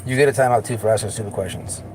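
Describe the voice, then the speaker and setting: Talking very fast in a fairly low voice, a man hosts a casual livestream of chat and commentary, blunt, slangy, and profane. The recording is noisy, with car sounds in the background.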